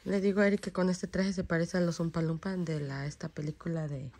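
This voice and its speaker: A woman's voice: lowish voice, steady tone, fairly quick, darkish tone. A young woman, chatting casually to her phone camera at home as a mother and vlogger, teasing and swearing now and then. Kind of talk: casual home vlog chat. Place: home bedroom.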